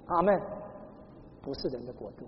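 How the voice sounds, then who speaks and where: Lively woman preaching in an echoing hall. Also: rumbling low, moderate pace, a little hiss or hum. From Taiwan. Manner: lively storytelling with call-and-response to the congregation. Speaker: pastor. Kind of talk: sermon. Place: church hall. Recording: dull sound in a large echoing hall.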